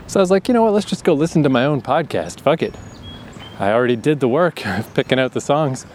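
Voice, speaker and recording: A fast-talking, animated man in his thirties with a medium-pitched, darkish voice and a slight Atlantic Canadian accent hosts a podcast outdoors in a breezy urban spot. His monologue is rambling and candid, full of free swearing and frequent laughter. The recording carries a little hiss or hum.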